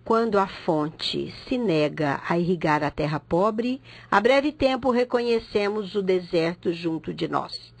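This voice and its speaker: A woman hosting a radio program, reading the closing announcements in a measured way. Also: fairly low pitch, expressive, vocal fry, dry recording.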